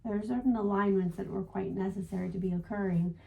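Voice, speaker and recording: Very mellow woman as a channeled spirit guide, seance medium. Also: medium pitch, steady tone, fast talker, gravelly, natural voice. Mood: gentle, assured. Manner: seance medium channeling, formal phrasing with frequent "yes?" tags. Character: Simon, gentle channeled male spirit guide speaking as "we". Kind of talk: spiritual guidance in trance channeling session.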